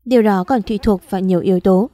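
A woman voicing a calm, matter-of-fact male hospital doctor in an audio story, in a formal, businesslike way. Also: mid-range voice, fast, no room sound, clean studio sound, lightly acted. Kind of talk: audiobook dialogue.

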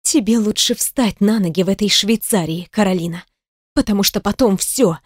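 A woman's voice: medium pitch, normal speed, no room sound, clean studio sound, natural voice. A woman voicing an angry young woman, the younger sister, speaking in a tense, clipped, hissing way in an audiobook. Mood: cold resolve. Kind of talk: audiobook character voice.

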